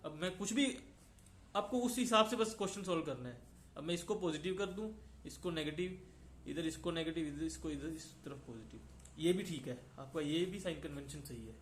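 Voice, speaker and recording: A man with a fairly high voice teaches a physics class and moves through each idea step by step. He keeps checking that his students are following him. The recording has a roomy echo. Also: animated, brisk, slight background noise. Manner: explains step by step, often checks in with "है ना". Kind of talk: classroom lecture mixing Hindi and English.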